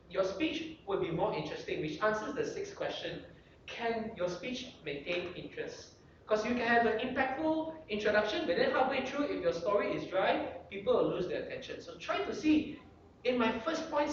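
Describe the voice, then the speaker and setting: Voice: medium pitch, a little hiss or hum. A guest speaker giving public speaking tips at a club meeting, coaching with checklist questions. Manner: animated coaching delivery, rhetorical checklist questions. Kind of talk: motivational speaking workshop talk. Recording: very echoey room, distant dull lo-fi mic.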